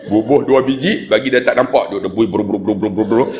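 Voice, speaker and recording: A Malaysian man preaching in a lecture hall, with a northern Malay accent, telling animated stories and acting out the voices in them. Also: lowish voice, fairly quick. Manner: animated storyteller, acts out quoted voices. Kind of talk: sermon storytelling.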